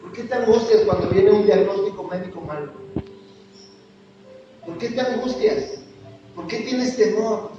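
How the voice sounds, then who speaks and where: A man's voice: high voice, measured pace, long pauses, music in the background. A man with a Mexican accent preaching a sermon, pressing his listeners with repeated rhetorical questions. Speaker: pastor. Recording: echoey hall, distant mic, dull sound.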